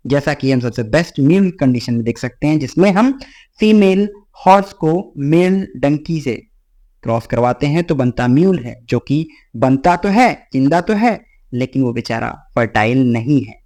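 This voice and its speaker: A man teaching a biology exam-prep lecture. He mixes Hindi with English lines he reads slowly and keeps checking in with "theek hai.". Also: mid-range voice, animated, darkish tone. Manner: repeats "ठीक है" as a check-in with students.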